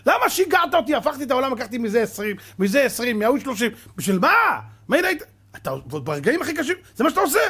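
A man acting out an indignant lender who shouts at his friend in a sermon parable. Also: extremely high pitch, big pitch swings, slightly rough, voice pushed up, full character voice. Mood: furious. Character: furious male lender scolding his friend.

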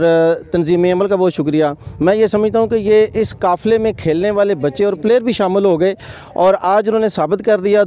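A man's voice: high-pitched, dark tone. A man, a guest organizer, speaking earnestly and formally into a handheld mic outdoors at a cricket ground. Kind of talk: on-the-spot interview. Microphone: handheld reporter mic. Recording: slightly dull outdoor audio.

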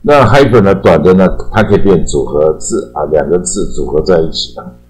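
An older man with a Taiwanese Mandarin accent, explaining English sentences in a chatty lesson and trailing his phrases with drawn-out particles. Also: low voice, darkish tone, low-quality recording. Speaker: English teacher.

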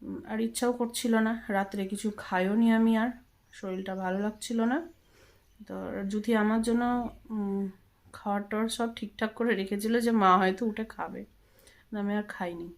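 A woman's voice: mid-range voice, fairly even intonation, normal speed, rough recording. A woman in her thirties from Bengal chatting casually through her home vlog as she explains her chores. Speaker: vlogger. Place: home kitchen and bedroom.

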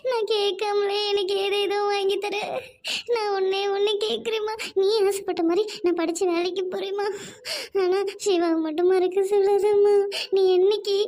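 A woman's voice: very high voice, flat delivery, normal speed, a little mellow. A young woman playing a college girl in love, pleading tearfully with her mother. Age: young adult. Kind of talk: amateur audio drama.

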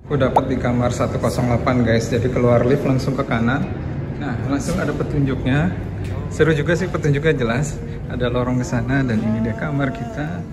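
A man giving a casual walkthrough of a hotel, chatty and quick to exclaim at what he finds. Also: medium pitch, fairly even intonation, heavy background noise. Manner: chatty, exclaims at discoveries, addresses viewers as guys. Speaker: hotel reviewer.

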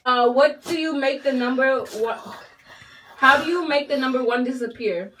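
A woman's voice: sits high, moderate pace, a bit bright, recorded from a distance, slight background noise, rough recording. A young woman, giggly and informal, chatting casually as she reads out riddles to a friend. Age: young adult. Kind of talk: casual riddle game chat. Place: small tiled bathroom.

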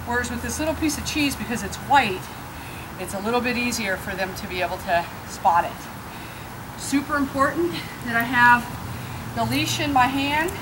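A woman's voice: on the high side, lively intonation, normal speed. A woman dog trainer explaining her training methods step by step, outdoors on grass. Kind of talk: instructional explanation. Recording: outdoor background noise.

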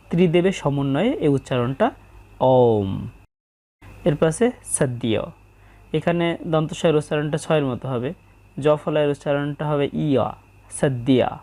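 A woman teaching how to pronounce a prayer, speaking slowly and carefully and sounding out each syllable. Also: low-pitched, dark tone. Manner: slow, careful, syllable-by-syllable explanation. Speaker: religious teacher. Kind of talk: pronunciation lesson.

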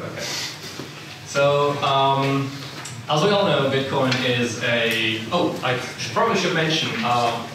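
A young seminar speaker from Italian-speaking Switzerland, with a Swiss accent, gives a relaxed, self-deprecating technical lecture to a live audience, peppered with ums and uhs. His mid-range voice is caught by a distant room camera with no visible mic, in a lecture room with a projector screen, heavy echo and steady background noise.

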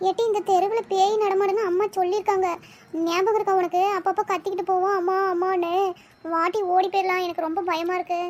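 A woman's voice: very high-pitched, little pitch movement, fast, noisy background. A woman voicing a nervous but bossy young village woman in a cartoon, scolding and fretful. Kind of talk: cartoon voice acting.

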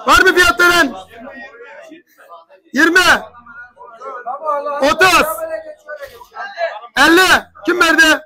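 High-pitched, shouting auctioneer man. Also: drawn-out words, long pauses. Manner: loud, repetitive price calling, pleading for quiet. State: strained throat from shouting. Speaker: pigeon auctioneer. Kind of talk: calling bids at a live auction.

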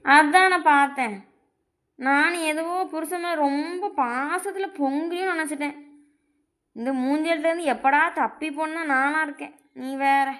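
Woman, confidante in a comedy sketch, teasing, gossipy, high-pitched. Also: normal speed, a bit bright.

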